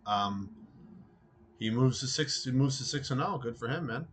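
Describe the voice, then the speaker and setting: A man's voice: medium pitch, expressive, normal speed, fairly bright tone, a little hiss or hum. A man hosting a boxing recap show, talking casually with many fillers and restarts as he runs through the weekend's results.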